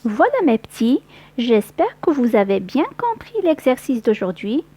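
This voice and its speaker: A woman's voice: a little high, big pitch swings, a little slow, dark tone, breathy edge. A woman teaching small children a spelling and syllable lesson, patient and sing-song. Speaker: kindergarten teacher. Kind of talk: slow scripted children's lesson.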